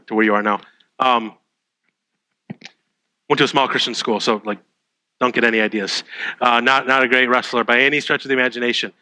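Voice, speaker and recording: A man's voice: medium pitch, sharp tone, no room sound, poor audio. A young adult male pastor giving a casual, conversational sermon, full of fillers and self-deprecating jokes.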